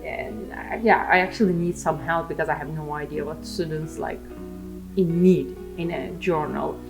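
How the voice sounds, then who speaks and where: A young woman from Turkey, speaking with a Turkish accent, gives a casual, self-mocking voice-over while drawing for her art vlog. Her voice is low with fairly even intonation at a normal speed, and faint music plays underneath.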